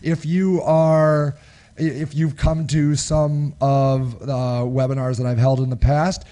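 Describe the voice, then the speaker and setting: Here the host's voice is a little high, level and warm, and he takes his time. He's a middle-aged man hoarse from a cold, running a live webinar at a close studio mic in his small home office, where his casual talk wanders with many restarts, chuckles, and hand gestures.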